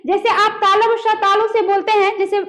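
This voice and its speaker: A woman's voice: very high-pitched, level tone, moderate pace, a bit bright. A woman teaching a grammar lesson, demonstrating sounds aloud and quizzing her students. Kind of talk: classroom lesson on pronunciation.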